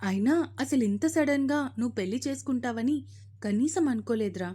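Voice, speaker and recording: A woman's voice: on the high side, expressive, brisk, warm tone. A woman voicing a stern but loving middle-aged mother-in-law who gives firm orders in a storybook reading. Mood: commanding, affectionate. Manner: commanding, firm.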